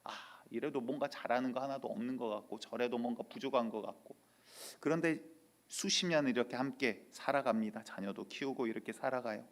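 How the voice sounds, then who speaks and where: A male pastor delivering a sermon in church, telling lively stories and acting out quotes. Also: mid-range voice, fairly quick. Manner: lively storytelling with acted-out quotes.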